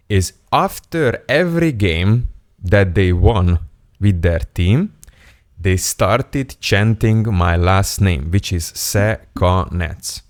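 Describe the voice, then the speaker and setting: Speaking English in a very deep, low register, a young Hungarian man addresses the camera like a casual vlogger, playful, self-mocking and candid. He's a self-improvement YouTuber telling a story in an offhand monologue. The recording is dry and close, with no room echo.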